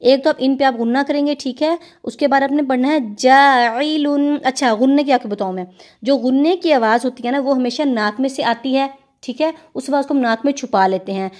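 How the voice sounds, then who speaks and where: High-voiced woman teaching recitation. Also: a little mellow. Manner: patient, explains step by step, repeats "theek hai"; slows and stretches words when demonstrating sounds. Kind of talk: explaining recitation rules in a lesson.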